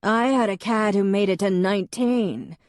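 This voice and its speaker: A booming, matter-of-fact older woman played by a woman narrator, louder and a little higher than the reading voice. She talks bluntly, in a dry, close audiobook reading. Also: moderate pace, no room sound, natural voice.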